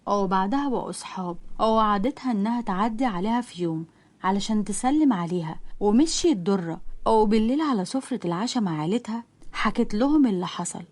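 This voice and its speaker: An Egyptian woman narrating a storybook tale in a brisk, rapid delivery. Her voice sits at an ordinary mid pitch. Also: lively intonation, a little mellow.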